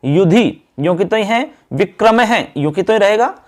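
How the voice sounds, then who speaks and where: Male teacher, high voice, exam-focused lesson, slow verse chanting. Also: animated. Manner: addresses viewers as friends and children.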